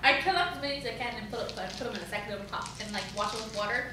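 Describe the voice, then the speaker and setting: A woman playing a tabletop game, talking in an excitable way with lots of questions and laughs. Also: on the high side, racing. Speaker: player. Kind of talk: tabletop role-play chat. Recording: echoey room from far off with noise.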